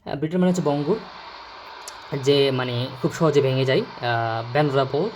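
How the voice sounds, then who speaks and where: A man speaks, teaching word meanings in a relaxed, conversational way. He keeps stopping for fillers and corrections, then spells words out slowly before moving on. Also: medium pitch, slight background noise. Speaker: vocabulary teacher. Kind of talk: casual explanatory lesson.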